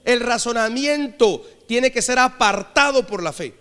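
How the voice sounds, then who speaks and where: A man's voice: very high-pitched, expressive, measured pace, fairly bright tone, clean tone. A man preaching a sermon, leading the congregation in repeated call-and-response phrases. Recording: long hall reverb.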